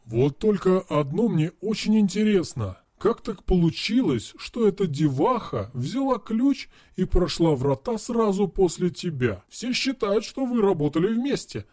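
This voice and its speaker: A loud, foul-mouthed young friend bursts through this audiobook scene, voiced by a man. He rides high in his voice and swings it wildly as he jeers and shouts. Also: big pitch swings, unhurried, few pauses, no room sound, clean studio sound, heavily acted. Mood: serious. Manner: yelling, swearing, mocking. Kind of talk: audiobook character reading.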